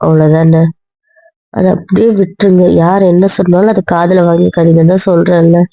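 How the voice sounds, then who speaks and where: A woman's voice: fairly low pitch, vocal fry, no echo, muffled recording. A woman playing a young wife who keeps coaxing and pleading with her husband in an amateur audio drama.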